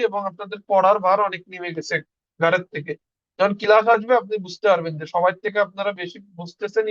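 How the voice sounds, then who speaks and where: A man's voice: high voice, dry recording. A man teaching a beginners' class, sounding out letters one by one and coaxing students to practise. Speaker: language teacher. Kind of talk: informal classroom lesson. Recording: dull dry lo-fi recording.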